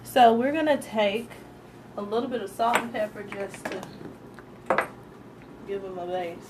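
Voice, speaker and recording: A woman's voice: medium pitch, unhurried. A woman in her twenties hosting a live cooking demonstration, talking casually to her viewers and laughing easily. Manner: chatty, talks to viewers directly, laughs easily. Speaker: cooking show host. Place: home kitchen. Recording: kitchen noise from frying pans. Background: sizzling pans and utensil clatter.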